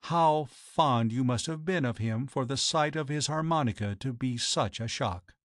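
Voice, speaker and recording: A man's voice: medium pitch, moderate pace, no room sound, clean studio sound, lightly acted. A man reading the lines of a proud, cold woman who keeps a boarding house, speaking formally and accusingly. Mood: mock sympathy. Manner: formal, accusing, coolly biting.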